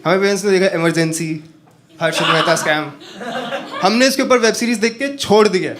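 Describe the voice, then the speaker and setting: Man, stand-up comedian, from northern India, high voice, animated storytelling, loud background noise. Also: fairly quick. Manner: animated storytelling, talks to the audience. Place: comedy stage with a live audience.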